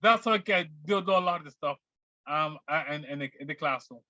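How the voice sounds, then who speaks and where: Middle-aged man from Barbados, halting interviewee, bright voice, dull lo-fi audio. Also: on the high side, no echo. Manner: hesitant, halting with many restarts. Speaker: guest. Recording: dull lo-fi sound.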